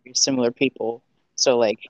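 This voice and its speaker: A woman's voice: extremely low pitch, fairly even intonation, a little fast, darkish tone, dry recording, highs cut off. A woman co-hosting a casual podcast, reacting with playful short quips. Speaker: podcast co-host. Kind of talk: casual chat.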